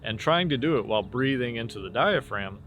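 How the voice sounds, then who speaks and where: A man talking as a casual drama teacher, informally explaining and demonstrating theater warm-up exercises. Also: medium pitch, fairly quick. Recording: clear steady background noise.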